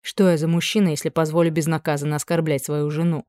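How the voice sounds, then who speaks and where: A reader voicing a devoted duke, lord of dragons, who murmurs softly to his wife and turns steely when crossed. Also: medium pitch, little pitch movement, fast, dry recording, clean studio sound, natural voice. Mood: stern. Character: tender yet stern duke, lord of dragons.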